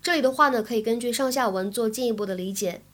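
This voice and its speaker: A woman teaching English in Chinese, explaining phrases with a clear, careful delivery. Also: fairly high pitch, fast talker, a bit bright. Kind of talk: language lesson.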